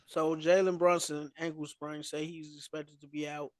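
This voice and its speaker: Man for a casual sports podcast: high, dry, loose slangy delivery with plenty of trash talk. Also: flat delivery, moderate pace, no room sound. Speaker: podcast co-host.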